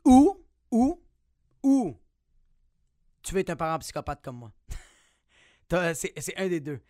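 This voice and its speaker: A man's voice: a little high, normal speed, no room sound. Swearing young Québécois man, bone-dry mic. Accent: Quebec French. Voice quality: swears a lot, animated and playful. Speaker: podcast host. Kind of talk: comic monologue.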